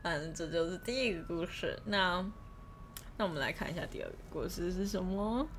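A woman's voice: fairly low pitch, brisk, a little hiss or hum. A young woman co-hosting a podcast, chatting casually and laughing often as she tells stories. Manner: laughs often, animated retelling. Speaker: podcast co-host. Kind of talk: casual storytelling chat.

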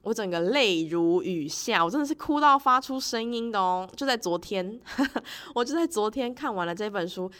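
A woman's voice: mid-range voice, lively intonation, moderate pace, a bit bright. A woman podcast host talking casually and expressively in a personal monologue, sharing her own reactions. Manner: laughs often while talking.

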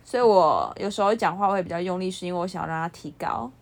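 A young woman with a Taiwanese Mandarin accent, co-hosting a casual chat podcast; her voice is naturally low and she pushes it up, laughing often and swearing playfully. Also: fast talker. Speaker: podcast co-host. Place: indoors, on a bed. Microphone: handheld phone mic.

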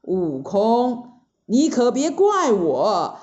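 A woman voicing a calm, kindly old deity grandfather in a children's story, speaking slowly and good-naturedly. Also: on the high side, muffled recording, exaggerated voice.

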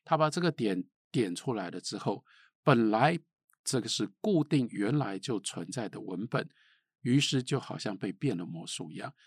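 A middle-aged man from Taiwan giving a spoken literature lecture, emphatic, with sharp rises and falls and rhetorical questions. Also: fairly low pitch, lively intonation, moderate pace, husky, dry recording, clean studio sound.

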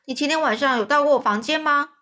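A woman's voice: sits high, quick pace, sharp tone, pitched above the performer's own voice. A woman voicing a suspicious old con man posing as a king, speaking grudgingly. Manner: interrogating, grudging.

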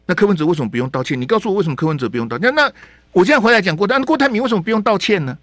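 一位带台湾口音的男电台主持人，语气激动地评论时事，常连声反问、重复字句。. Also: male voice, sits high, animated, rapid-fire, a bit bright, no echo. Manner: heated, rhetorical questions, repeats words. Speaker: radio talk show host. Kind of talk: opinionated political commentary. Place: radio studio.

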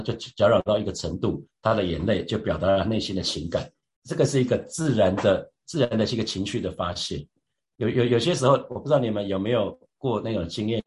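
Low-voiced man giving a reflective devotional. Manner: reflective, asks listeners rhetorical questions, frequent soft fillers. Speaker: church leader sharing a devotional. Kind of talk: devotional Bible teaching.

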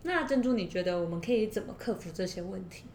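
A woman's voice: animated, fast, darkish tone. Taiwanese-accented woman in a roomy space. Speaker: podcast co-host. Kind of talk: conversational educational discussion. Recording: roomy echo, faint noise and rumble.

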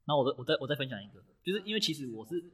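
A man's voice: fairly high pitch, very animated, rapid-fire, husky. A man co-hosting a casual podcast chat, rambling with stammered restarts and bursts of laughter. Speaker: podcast co-host.

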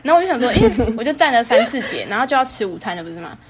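A young woman in her twenties with a Taiwanese Mandarin accent, co-hosting a podcast and telling a story in casual chat, animated and laughing often. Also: on the high side, very fast, crowd noise. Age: 20s. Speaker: podcast co-host.

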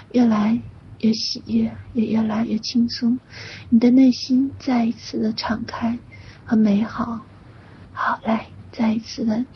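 Hushed woman guiding meditation like a sleep story. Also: fairly high pitch. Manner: hushed, breathy, often near whisper; slow, gentle delivery with long pauses. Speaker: meditation guide. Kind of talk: guided meditation, soft soothing narration like a sleep story narrator. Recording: dull lo-fi audio with faint noise.

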